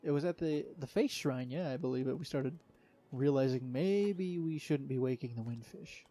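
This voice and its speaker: A man's voice: mid-range voice, moderate pace, dark tone. A young man giving rambling, easygoing commentary over a solo game playthrough, with lots of fillers and restarts. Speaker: let's play commentator. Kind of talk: casual solo gameplay commentary.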